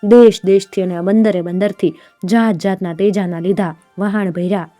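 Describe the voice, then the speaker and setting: A woman narrating a folk tale in an unhurried, plain storytelling manner. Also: mid-range voice, steady tone, mellow, no room sound, soft background music.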